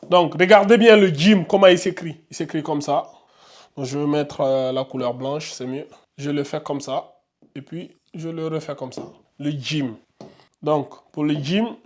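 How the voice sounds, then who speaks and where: Patient teacher, higher-pitched man. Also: darkish tone. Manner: repetitive, patient, thinks aloud with fillers. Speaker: Arabic and Quran reading teacher. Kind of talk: online lesson, writing on a board while explaining.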